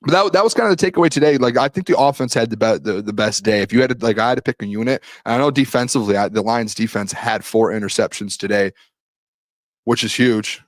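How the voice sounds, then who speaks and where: A young man with a medium-pitched voice speaks at a quick pace while hosting a sports live-stream by himself. His practice recap wanders with lots of restarts as he reads viewer questions aloud, and his voice is going, so he clears his throat. No echo is present.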